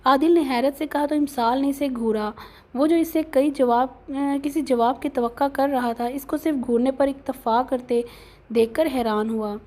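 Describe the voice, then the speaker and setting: A woman's voice: sits high, dark tone. A woman reading a romantic novel aloud, narrating and voicing every character's lines with light changes in delivery. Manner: reads all the characters' lines in a lightly varied voice.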